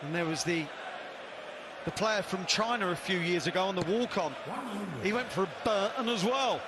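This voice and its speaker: A man's voice: high voice, normal speed. A man giving live darts commentary with conversational analysis of play. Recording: loud crowd noise behind commentary. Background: noisy darts crowd.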